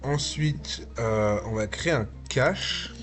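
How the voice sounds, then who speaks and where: A man in his thirties with a slight lisp, giving a casual, step-by-step software tutorial and thinking aloud. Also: medium pitch, slow, faint music behind. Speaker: tutorial host, video artist and VJ. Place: small indoor home studio.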